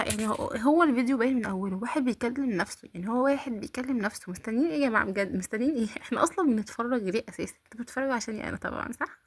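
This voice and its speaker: A woman's voice: on the high side, breathy edge. A woman with an Egyptian accent hosting a reaction video, mocking what she watches and talking straight to her viewers. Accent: Egyptian Arabic. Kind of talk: casual reaction commentary.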